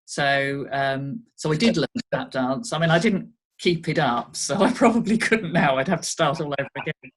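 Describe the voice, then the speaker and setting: A woman's voice: sits low, moderate pace, husky. An older woman, a guest on a video call, recalling her amateur acting days in a reflective, storytelling way. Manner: reflective storytelling, light laughs. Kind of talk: casual interview.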